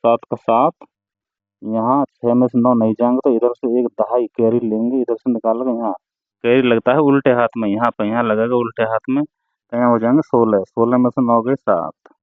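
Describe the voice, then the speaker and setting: A man teaching decimal arithmetic step by step, in a slow, patient explaining manner. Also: mid-range voice, fairly even intonation, no echo. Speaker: math teacher. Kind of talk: chalkboard math lesson. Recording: dry, tinny phone-like sound.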